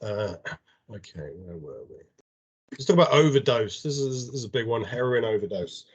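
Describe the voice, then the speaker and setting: A man's voice: lowish voice, animated, moderate pace, husky, dull audio. A man giving an informal drug and alcohol awareness training over a video call, explaining plainly and often restarting his words. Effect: heard over a video call. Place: home or office on an online meeting. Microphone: computer or headset mic on a video call.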